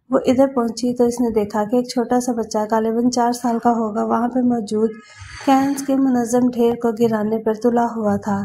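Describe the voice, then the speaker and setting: A woman narrator reading a romance novel aloud at a steady storytelling pace. Her voice sits fairly high, and there is a faint hiss behind her.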